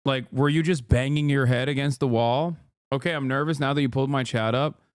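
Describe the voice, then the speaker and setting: A male streamer from Turkey talks casually and bluntly to his chat, swearing often and pushing back hard. His voice sits at an average pitch and is recorded close and dry, with no room sound. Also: fairly even intonation, fairly quick, clean tone, no room sound. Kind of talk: casual live-stream commentary.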